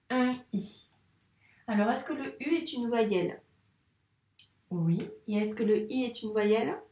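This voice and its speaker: A primary school teacher gives a reading lesson to young children, sounding out letters patiently and slowly with over-articulated care. Her fairly high voice is a little mellow. The room sounds roomy, and she is far from the mic.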